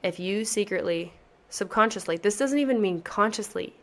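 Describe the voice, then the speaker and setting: A woman's voice: medium pitch, moderate pace, fairly bright tone. A woman in her thirties, a pageant coach, talking on her podcast in a chatty, earnest, motivational way with lots of emphasis. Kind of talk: casual podcast chat.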